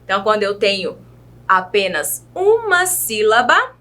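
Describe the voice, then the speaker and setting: A Brazilian woman teaching a children's video lesson, spelling out words slowly and patiently, asking her young learners questions as she goes. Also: mid-range voice, sing-song, sharp tone. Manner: slow, exaggerated enunciation of words.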